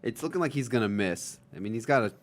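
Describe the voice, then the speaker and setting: A young man co-hosting a casual fantasy football podcast, brisk and matter-of-fact. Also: medium pitch, lively intonation. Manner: brisk, matter-of-fact, reads odds aloud. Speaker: co-host.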